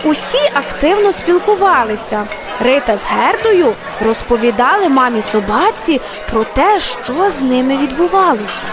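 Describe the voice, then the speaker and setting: A woman narrating an audio fairy tale in a gentle storytelling manner. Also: sits high, very animated, moderate pace, over music, a crowd in the background.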